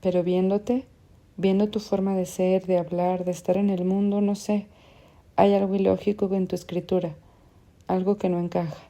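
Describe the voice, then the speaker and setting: A woman's voice: mid-range voice, level tone, moderate pace, mellow, lightly acted. A woman voicing a frustrated young man who questions bluntly and insistently, in an audiobook. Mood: probing.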